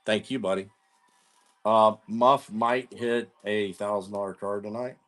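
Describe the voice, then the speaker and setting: Slow laid-back man hosting a card stream. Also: lowish voice, steady tone, a bit bright. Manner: laid-back, slangy, talks to viewers by name. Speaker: card-breaking livestream host. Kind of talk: casual live-stream chat.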